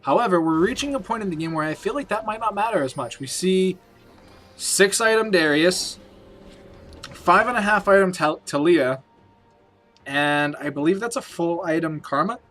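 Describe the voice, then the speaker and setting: Brief: male esports play-by-play caster, high and bright voice, excitable bursts on big plays. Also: normal speed, soft background music. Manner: excitable, jumps up in pitch and volume on big plays. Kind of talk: play-by-play game commentary.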